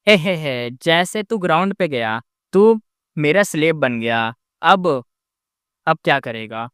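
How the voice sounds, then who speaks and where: Male narrator reading a smug, gloating schemer, slightly high, smooth voice. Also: animated, slow, fairly bright tone, dry recording, studio quality. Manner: gloating, mocking laughter. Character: cunning scheming man, smug and shameless.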